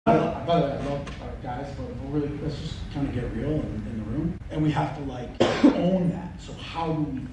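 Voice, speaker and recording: A man's voice: medium pitch, brisk, hardly any pauses. A man speaking as an athletic director in a candid team meeting, blunt, profane and emphatic, in an unscripted way. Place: indoor meeting room, far from mic. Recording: echoey room, distant noisy covert-sounding audio.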